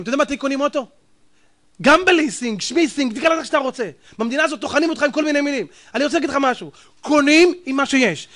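Here a rabbi delivers a sermon full of emphasis and mockery, firing off one rhetorical question after another. He shifts back and forth between loud outbursts and low, grumbled remarks.

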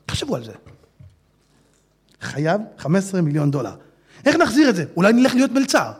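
A man preaches to a crowd in a voice pitched very high for a man. His delivery is lively and full of swings, sinking to near whispers and then climbing into loud, laughing exclamations. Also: husky. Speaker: religious speaker. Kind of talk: animated sermon to an audience.

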